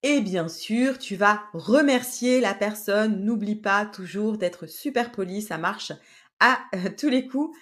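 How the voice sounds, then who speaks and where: A woman's voice: mid-range voice, slow, a bit bright. A woman hosting a language-lesson podcast, talking straight to the listener in a patient way with many hesitations. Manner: speaks directly to the learner. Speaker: French teacher and podcast host.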